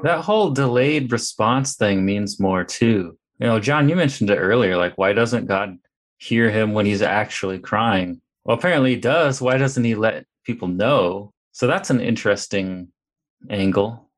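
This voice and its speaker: A man hosting a casual podcast roundtable, talking in an animated way and acting out quotes in a raised voice. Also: lowish voice, moderate pace. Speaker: podcast host.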